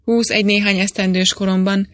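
A woman voicing an older male mining engineer, speaking in a measured, fatherly way. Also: mid-range voice, flat delivery, no room sound, close to an everyday voice.

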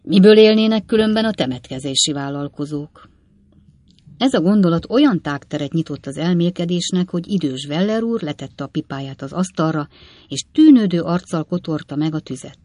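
A woman narrates a classic novel in an audiobook, measured and even. Her voice sits low, and the recording is close and dry. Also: no room sound.

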